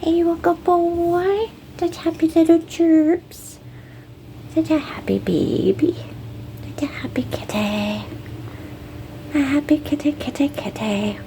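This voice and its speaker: A woman with a high, slow voice coos gentle baby talk to her cat at home, slipping often into soft whispers. The recording carries a steady noisy hiss behind her. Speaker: cat owner.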